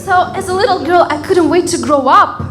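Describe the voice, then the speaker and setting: A woman from Russia with a Russian accent doing a deadpan stand-up set on a comedy club stage. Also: very high voice, fairly quick. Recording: loud crowd and room noise in a club. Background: audience laughter.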